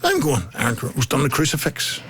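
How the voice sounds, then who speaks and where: A middle-aged Belfast man from Northern Ireland hosts a casual comic chat, reading out messages and telling jokey anecdotes. He acts out what people said, his voice on the high side with huge pitch swings, a fairly bright tone and a fairly quick pace.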